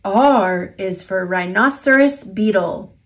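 Here an American woman reads a toddler alphabet book aloud at a medium pitch, enunciating deliberately and keeping it simple.

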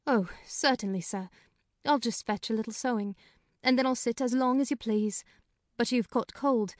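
A man takes on a very high voice, pushed up for the role of a talkative middle-aged female housekeeper in a storybook reading. She comes across as chatty, brisk and frank. The recording is dry and studio quality.

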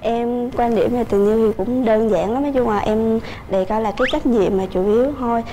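A young woman, a contestant on a dating show, speaking shyly and softly. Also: a little high, brisk, noisy background. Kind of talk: casual chat.

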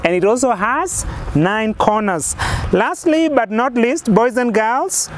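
A man talks like a kids show host, taking children through a hands-on lesson at a slow pace. He counts things out one at a time and poses simple questions for them to answer. He is recorded outdoors with faint background noise. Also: very high voice, expressive. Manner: asks guessing questions, counts aloud step by step. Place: outdoors on a lawn in a yard.

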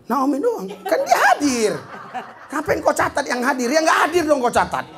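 Animated preaching man, big swings in loudness. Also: normal speed. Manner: animated preaching, swings between loud bursts and low asides, laughs often. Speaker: pastor. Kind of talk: lively sermon. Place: small church.

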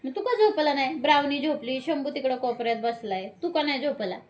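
A woman's voice: high-pitched, lively intonation, brisk. A woman talking to her pet cat in cooing baby talk, asking it over and over in a sing-song, coaxing way what is wrong. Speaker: cat owner.

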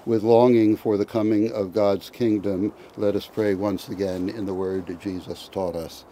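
A man, a priest, reciting committal prayers at a graveside in a measured, liturgical way. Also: fairly low pitch, flat delivery, mellow, a little hiss or hum, low-quality recording.

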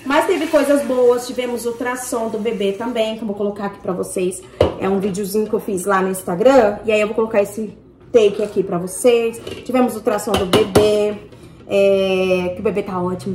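Background noise accompanies this young woman with a Brazilian accent, whose mid-range voice moves at normal speed with fairly even intonation. A family vlogger chatting casually to camera, she's talkative and recounts her story in full detail.

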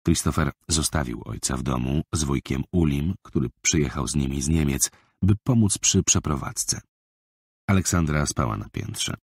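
A man narrating an audiobook with an expressive, lively reading, close on a studio mic. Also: a bass voice, moderate pace, slightly rough, dry recording.

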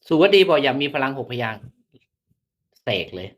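A man's voice: medium pitch, expressive, normal speed. A man telling fortunes on a live stream, chatty and teasing in a mock-mystical way. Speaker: fortune teller.

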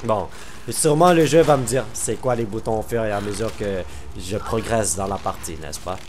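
Over noisy background sound, a man with a lowish voice and a Québécois French accent narrates his gameplay at normal speed. This gamer commentator jokes, lets out exclamations and hums along as he plays.

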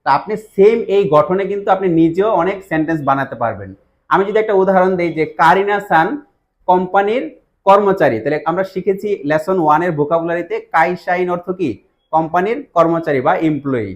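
A Bangladeshi man with a slightly high voice teaches a grammar lesson. He goes step by step and keeps asking the listener questions before he answers them. His delivery stays patient and steady. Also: fast. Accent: Bangladeshi Bengali. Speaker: Japanese language teacher.

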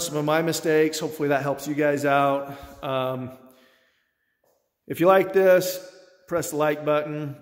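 A man hosting a casual home improvement vlog, giving relaxed, rambling tips with lots of fillers, filmed on a handheld phone in an empty basement. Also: medium pitch. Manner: relaxed, rambling, filler-heavy how-to talk. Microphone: phone camera held by the speaker, off-screen. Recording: echoey bare room with long reverb.

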